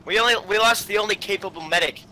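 Man, high pitch, excitable, shouted callouts, casual gameplay chat, faint game noise behind. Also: quick pace. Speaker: co-op gaming partner.

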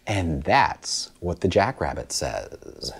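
Reading from a picture book about musical instruments, this thirtysomething man teaches kids with a lively, sing-song delivery. His voice is low, gravelly and slightly rough, and he goes slowly. A lapel mic captures him in a small studio room.

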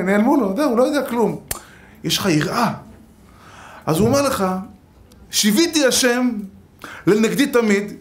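A man preaching a Torah lesson with a somewhat high voice. He tells lively stories and acts out quotes and jokes as he teaches. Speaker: rabbi.

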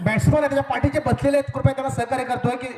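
A high-voiced man calls a village cricket match through an outdoor loudspeaker, his words bouncing around the open ground. A busy crowd is clearly heard behind him. He mixes joking asides with repeated pleas for the spectators to behave. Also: level tone, racing, roomy sound. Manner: jokey, repeatedly pleads with the crowd to cooperate. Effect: over an outdoor loudspeaker. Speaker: match commentator. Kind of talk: live local cricket commentary.

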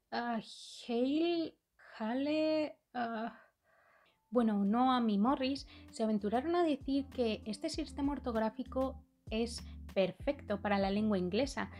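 A young adult woman with a Spain Spanish accent, explaining a language lesson clearly and steadily, with playful asides. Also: a little high, darkish tone. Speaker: language educator and video host.

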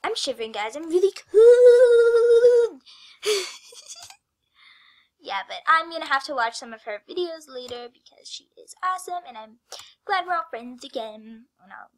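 A chatty, rambling female vlogger with a somewhat high voice. She talks casually to her viewers while she works, and keeps slipping into a soft whisper. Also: animated, a little fast. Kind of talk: casual screen-recorded vlog.

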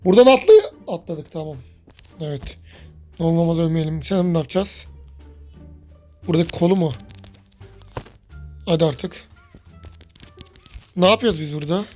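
A man in the middle of a let's-play, talking straight to his viewers as he plays. He is chatty and easily rattled, breaking into yells when something startles him. Faint game music runs underneath his voice. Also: on the high side, normal speed, pauses often. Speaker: gaming YouTuber.

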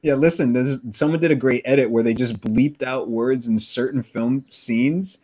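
A man's voice: medium pitch, moderate pace, crowd noise. A man hosting a live stream, chatting casually and laughing as he tells stories. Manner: animated, laughing, storytelling with quoted voices. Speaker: comic creator host.

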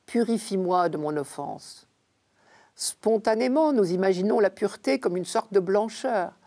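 A woman reading scripture aloud and commenting on it in a measured, deliberate way, slowing down to stress key phrases. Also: fairly low pitch, mellow. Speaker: Bible commentator.

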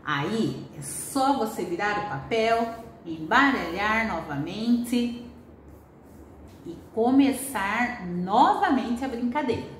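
A woman teacher with a Brazilian Portuguese accent, giving slow, clearly spelled-out instructions in a recorded lesson for children. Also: on the high side, expressive, a little hiss or hum. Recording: roomy distant home recording.

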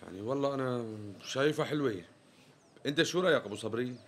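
An actor playing a hot-tempered customer in a TV sketch comedy, speaking with a Damascene Arabic accent and insisting on a straight answer. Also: male voice, medium pitch, racing, a bit bright, lightly acted. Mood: measured. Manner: exasperated, repeatedly demanding the price.

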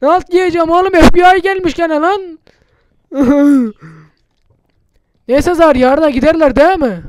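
A man's voice: very high voice, unhurried, long pauses. A man doing casual, chatty gameplay commentary for his channel, muttering to himself and swearing often. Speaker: gaming YouTuber.

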